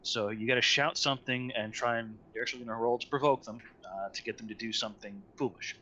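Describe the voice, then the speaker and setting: Bright-voiced man running a tabletop game. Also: medium pitch, fairly even intonation, fast, lo-fi sound, a little hiss or hum. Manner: patient, methodical, many fillers. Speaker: game master. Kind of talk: explaining game rules. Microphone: online call mic.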